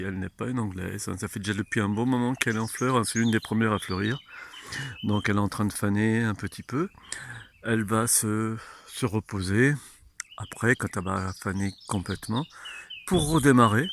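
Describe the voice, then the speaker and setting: Gravelly-voiced man touring his rose garden. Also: fairly low pitch, noisy background. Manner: chatty and unhurried, with frequent restarts and fillers. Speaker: home gardener showing his roses. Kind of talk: casual walking tour, vlog.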